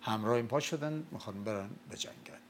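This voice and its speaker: Older man, low voice, storytelling talk, recites verse slowly, faint background hiss. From Mazandaran, Iran. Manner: recites verse slowly and loudly, then explains in plain talk. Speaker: storyteller discussing the Shahnameh. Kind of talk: casual lecture-style talk.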